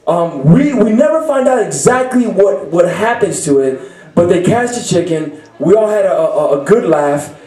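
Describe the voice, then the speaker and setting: A young man from Chicago performing a story on stage at a story slam, animated and profane, often laughing as he talks. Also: sits high, normal speed, far from the mic. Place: stage before a live audience. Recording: roomy hall with audience laughter. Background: audience laughter.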